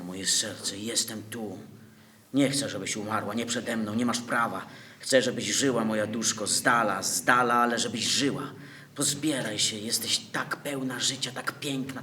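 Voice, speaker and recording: A man's voice: mid-range voice, big pitch swings, moderate pace, hardly any pauses, a bit bright, a little hiss or hum. An actor playing a passionate male revolutionary leader in exile, reading on a theatre stage in a declamatory, pleading way. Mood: tender.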